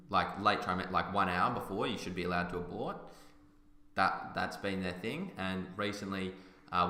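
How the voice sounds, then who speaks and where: A deep, bright, forceful male voice belongs to a podcast host chatting casually about his opinions. He's emphatic and argumentative, and the room is roomy and echoey.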